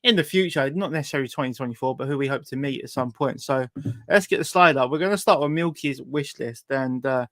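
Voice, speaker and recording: A man's voice: medium pitch, fast, fairly bright tone, dry recording, studio quality. A man with a British accent casually hosting a livestreamed talk show.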